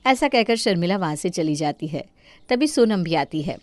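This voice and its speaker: A woman narrating a household drama story in a calm storytelling manner. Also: on the low side, moderate pace, dry recording.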